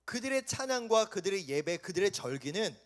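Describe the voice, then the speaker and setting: A young man preaching a sermon to high school students in a church, animated and often questioning his listeners. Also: a little fast. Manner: animated, questioning the listeners, acting out quoted voices. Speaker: youth pastor. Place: church sanctuary.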